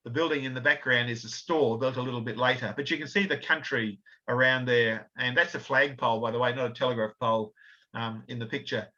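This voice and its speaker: A man talks through history slides in a bright, forward voice. He explains as he goes, with plenty of ums and restarts. The audio sounds a little dull and lo-fi. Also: medium pitch, steady tone, fairly quick. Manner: explanatory, many fillers and self-corrections. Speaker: author and researcher giving a talk. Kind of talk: illustrated history talk with slides.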